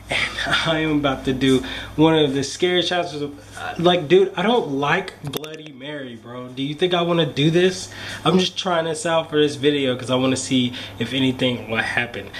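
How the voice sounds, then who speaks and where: A young man talking in a nervous, jittery, slangy and profane way, as in a casual late-night vlog. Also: a little high. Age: young adult. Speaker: vlogger. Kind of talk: casual horror-challenge vlog. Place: indoors at home at night, small rooms. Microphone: handheld camera at arm's length. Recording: noisy handheld camera, household hum.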